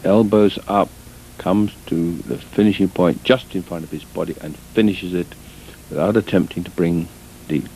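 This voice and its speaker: This warm-voiced coach narrates instructional film in a slow, considered way, speaking in brief phrases broken up by pauses. It comes from an old VHS tape that is muffled, noisy, and rumbly.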